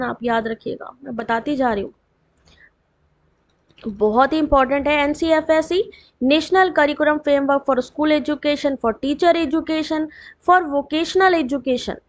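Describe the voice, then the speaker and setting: In an online revision session for an exam, a woman with a high-pitched voice and a dry throat slowly reads out full forms, adding fast, conversational asides to her students.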